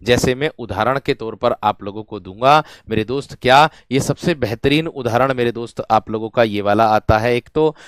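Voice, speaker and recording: A man's voice: medium pitch, normal speed, hardly any pauses, smooth, no room sound, studio quality. A man teaching a grammar lesson to students, repeating each phrase again and again and calling them his friends and brave ones. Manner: repetitive, drills each phrase over and over. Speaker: Hindi teacher.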